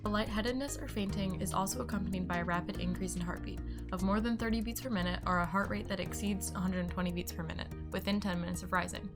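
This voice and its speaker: Fast-reading woman narrator. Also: medium pitch. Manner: brisk, even reading. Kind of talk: scripted narration. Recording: music underneath.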